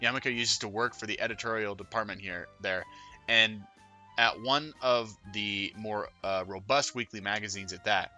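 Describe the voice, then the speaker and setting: Man reading a game aloud, bright tone. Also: lowish voice, steady tone, normal speed, faint music behind. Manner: profane, offhand asides between read lines. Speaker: let's play host. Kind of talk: reading a visual novel aloud with commentary.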